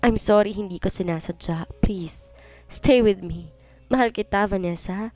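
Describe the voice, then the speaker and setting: A woman's voice: mid-range voice, moderate pace, darkish tone, no room sound, soft background music, close to an everyday voice. A woman voicing a tearful pleading young man. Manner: pleading, apologetic.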